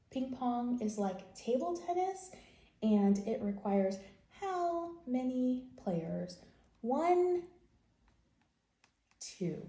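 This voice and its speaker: A woman with a mellow, slightly high voice hosts a bedtime read-aloud, speaking to small children in simple, emphatic phrases and asking guiding questions. It's a roomy, echoing home recording.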